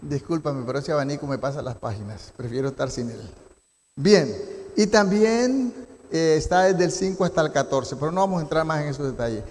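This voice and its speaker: Speaking a little fast, a male pastor from Costa Rica has an expressive, somewhat mellow voice on the high side. He teaches a Bible study at church, reading passages of scripture and questioning the congregation, while the hall adds a long reverb.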